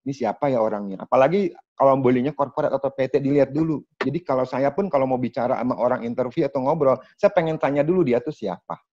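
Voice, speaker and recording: A man's voice: mid-range voice, fast talker, hardly any pauses. Chatty man teaching over a video call. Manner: lively, chatty, addresses participants as Bapak Ibu. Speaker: property sales trainer. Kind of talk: online training talk over video call. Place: at home. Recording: dull, dry video-call audio.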